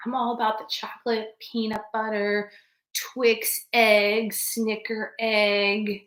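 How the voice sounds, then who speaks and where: Lady chatting live w her viewers, bright voice, laughs a lot, echoey room. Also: a little high, little pitch movement, slow pace. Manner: chatty, laughs often, talks straight to viewers. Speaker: livestream host reading chat. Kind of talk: casual live chat.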